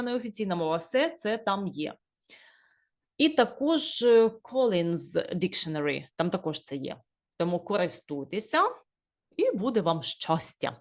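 Ukrainian woman teaching English, lively pitch. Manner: reads English phrases slowly, then explains in Ukrainian. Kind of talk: lesson reading and translating examples.

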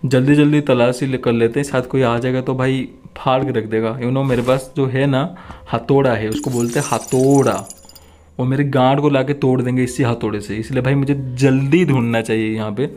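A young man hosts a gaming channel, delivering crude, jokey horror game commentary full of swearing and jumpy, frightened mutters. His voice is medium in pitch and darkish in tone, with fairly even intonation and a moderate pace. There's slight background noise.

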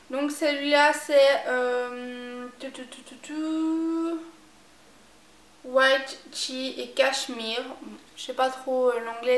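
A young woman, chatting casually about a shopping haul as a beauty vlogger, hesitant and pausing often with filler sounds. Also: high-pitched, a bit bright. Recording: echoey room.

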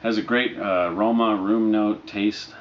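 A man in his thirties chatting casually to camera as a reviewer, in a laid-back, halting, unscripted way. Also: lowish voice, steady tone. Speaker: product reviewer. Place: living room, indoors, on a couch. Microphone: camera mic a short distance away. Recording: dull lo-fi audio with noticeable background noise.

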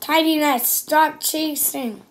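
A woman giving excitable live gameplay commentary as a channel host, often exclaiming and yelping in surprise. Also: high voice, slow. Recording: noisy recording with clicks.

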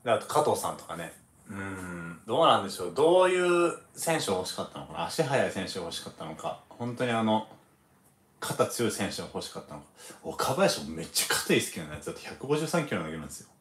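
Fast-talking man hosting a casual livestream. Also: fairly low pitch, echoey room. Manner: relaxed, chatty, laughs often, frequent ね fillers. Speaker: livestream host, former baseball pitcher. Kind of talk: casual live chat reading viewer comments.

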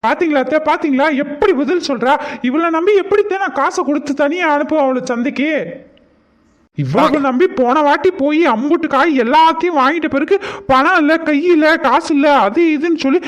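A very high-pitched, exasperated daughter-in-law from a comedy skit , played by a man. The voice has a Tamil Nadu accent and grumbles with sarcastic resentment. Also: fairly quick, a bit bright. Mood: exasperated, arguing.

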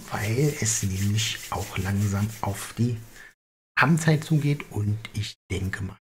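A man in his thirties giving casual, hesitant, musing commentary as a let's play host. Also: mid-range voice. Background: faint game music.

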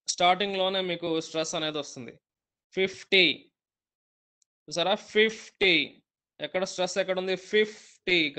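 Bright, high-voiced man teaching. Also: smooth. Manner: repeats example words loudly and slowly, then explains briskly. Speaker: English teacher. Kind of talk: classroom lecture on word stress.

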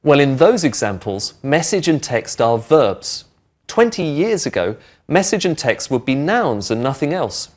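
A middle-aged man presenting a lesson in a studio, explaining patiently and clearly. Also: mid-range voice, sing-song, a little slow. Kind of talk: friendly teaching explanation. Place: indoor studio with brick walls.

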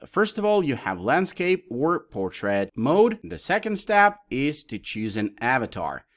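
A man presenting a software tutorial, explaining each option step by step as he clicks through it. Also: fairly high pitch, big pitch swings, measured pace. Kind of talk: screen-recorded tutorial walkthrough.

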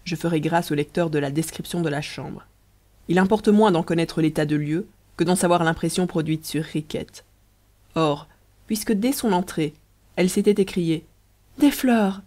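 Audiobook narrator, measured wry delivery, dark mellow tone. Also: medium pitch. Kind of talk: scripted narration of a story.

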